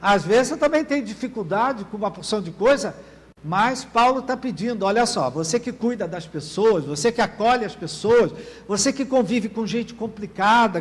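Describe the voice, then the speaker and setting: High-voiced pastor in a reverberant church. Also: male voice, a bit bright. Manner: asks the congregation "Amém, querido?" often. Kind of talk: sermon.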